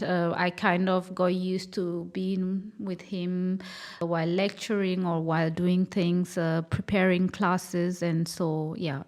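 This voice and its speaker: A woman's voice: on the low side, a little mellow. A woman from Kenya, a lecturer in her thirties, talking thoughtfully in an interview, with frequent fillers and restarts. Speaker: guest, cultural studies lecturer. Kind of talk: conversational interview.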